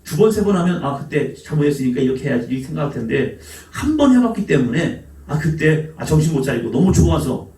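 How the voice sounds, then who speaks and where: A man preaching from the pulpit, his voice rising and falling a lot as he acts out God calling people by name. He sits fairly high for a man. The mic hangs back from him in a reverberant church sanctuary. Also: very animated, fast, few pauses, darkish tone. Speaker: pastor. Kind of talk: sermon. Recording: roomy church sound from a distance.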